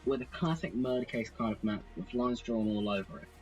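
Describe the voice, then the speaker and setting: A man's voice: mid-range voice, a little fast, highs cut off, faint music behind. A man casually narrating a wrestling management game, rambling and self-deprecating as he goes. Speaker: let's play host.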